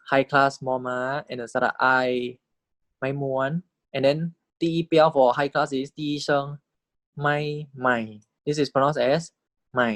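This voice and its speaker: A man's voice: medium pitch, dry recording. A man teaching Thai vowels and tones in English, who says each word several times and keeps checking with "okay?". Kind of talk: recorded language lecture.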